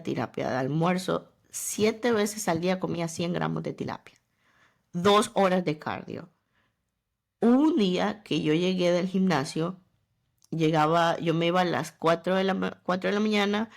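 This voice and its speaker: A woman's voice: on the low side, creaky. A woman fitness coach talking casually and emphatically about competing, often repeating words for effect. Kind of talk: casual motivational monologue.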